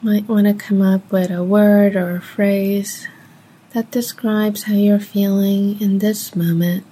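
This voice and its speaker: Long pauses separate the short, measured phrases of a woman guiding a meditation at a very relaxed pace. Her mid-range voice is soft, mellow and a little breathy, and she keeps a level tone while speaking gently.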